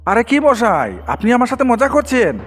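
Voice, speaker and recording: A man's voice: very high voice, wildly swooping pitch, moderate pace, full character voice. An actor playing a stubborn young male passenger in a horror audio drama, indignant and pleading with the conductor. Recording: long reverb with background music.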